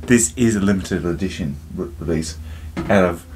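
A man's voice: low-pitched, moderate pace, darkish tone, a little hiss or hum. A man hosting a casual drinks review vlog, chatty and jokey, talking straight to his viewers and telling a joke along the way.

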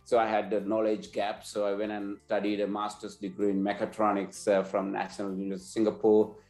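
A man's voice: on the low side, completely flat delivery, quick pace, darkish tone, echoey room, soft background music. A man in his forties from Sri Lanka, an earnest business leader interviewed over a video call, often repeating words as he restarts. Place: indoor office, plain wall. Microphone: video call webcam.

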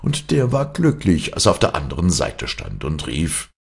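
A man narrating a fairy tale for an audiobook with an expressive, swinging delivery. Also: extremely low pitch, moderate pace, gravelly, husky. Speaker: storyteller.

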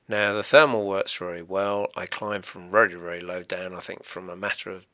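An English paragliding instructor provides brisk, explanatory voice-over for flight footage. His deep voice has a sharp tone and fairly even intonation, and it tends to trail off as each phrase ends.

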